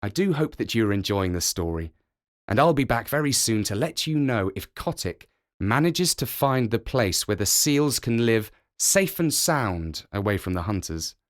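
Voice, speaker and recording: A man narrating a children's storybook with a gentle, expressive reading. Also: on the low side, normal speed.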